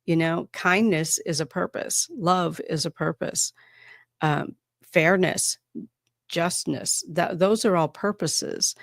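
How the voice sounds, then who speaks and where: A woman hosting a spiritual podcast, talking in a reflective, unhurried way with soft pauses. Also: fairly low pitch, steady tone, gravelly, no echo, studio quality. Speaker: podcast host. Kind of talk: casual spiritual talk.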